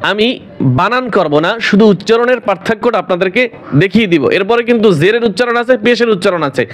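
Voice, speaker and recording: A man teaching Quran letter pronunciation, slowly drilling each letter sound one at a time. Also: high-pitched. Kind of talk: recited pronunciation lesson.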